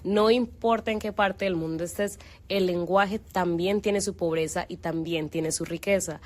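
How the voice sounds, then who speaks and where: A young adult woman with a Colombian accent speaks in a somewhat low voice. She hosts a relaxed conversation and lays out her ideas in a thoughtful, explanatory way. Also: normal speed. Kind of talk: casual discussion.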